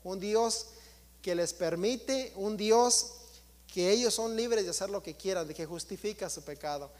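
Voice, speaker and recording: A man's voice: sits high, unhurried, a little mellow, big-room sound. A man preaching a sermon in church, emphatic and repetitive, often turning to address the congregation directly.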